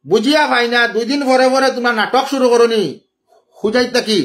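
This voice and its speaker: A man's voice: extremely high pitch, fairly quick, fairly bright tone. A man from Assam's Barak Valley with a Sylheti Bengali accent, ranting indignantly on a phone live stream and scolding the person he is answering. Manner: indignant, scolding, greets viewers by name. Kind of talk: angry live-stream rant.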